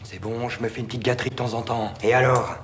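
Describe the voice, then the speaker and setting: An actor playing a cocky foul-mouthed young suspect. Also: male voice, medium pitch, fairly even intonation, a little hiss or hum, lightly acted. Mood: defiant. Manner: insolent, mocking, quick to shout. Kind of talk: crime TV drama acting.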